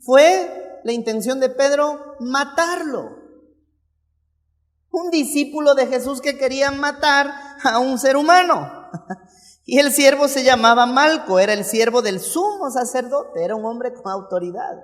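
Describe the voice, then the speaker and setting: Male preacher, lively storytelling sermon, rhetorical questions, long hall echo. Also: very high voice, measured pace. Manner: storytelling with rhetorical questions and playful acted asides.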